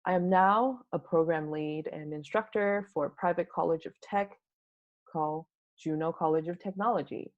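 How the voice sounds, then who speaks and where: A woman from Taiwan giving a prepared tech talk as a conference speaker, explaining things in a measured way. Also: on the low side, muffled recording. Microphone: home recording for online talk.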